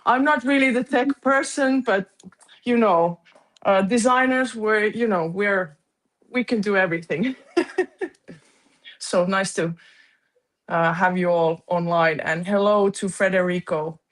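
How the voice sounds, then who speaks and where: A woman's voice: mid-range voice, measured pace, long pauses. A woman on a video call introducing her tech role, talking hesitantly and searching for words. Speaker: conference events board member. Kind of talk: casual video-call chat.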